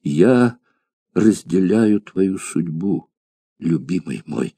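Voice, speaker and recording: A man's voice: lively intonation, slow pace, mellow, dry recording. A man voicing a devoted young woman in love, pleading in a raised, emotional voice. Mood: despairing. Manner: pleading and breathless, emotional high pitch.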